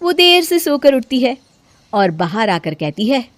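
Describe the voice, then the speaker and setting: A woman's voice: on the high side, very animated, unhurried, no echo. A woman narrating a scripted family story for animation.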